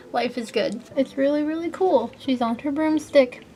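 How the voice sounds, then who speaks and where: A woman's voice: high-pitched, a little slow, dark tone, slight background noise. A young woman vlogging a convention haul in a bubbly, giggly, gushing way, full of "like". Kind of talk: casual convention haul vlog.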